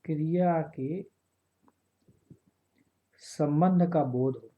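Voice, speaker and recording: A man teaching a grammar lesson for exam prep, slowly repeating phrases and often checking that listeners follow. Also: on the high side, muffled recording.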